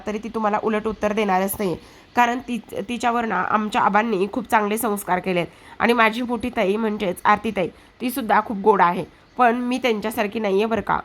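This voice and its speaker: A woman's voice: medium pitch, fairly even intonation, fairly quick, natural voice. A woman voicing a bold, cheeky young village girl who teases and talks nonstop. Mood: sassy. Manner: chatty, teasing, rambling nonstop.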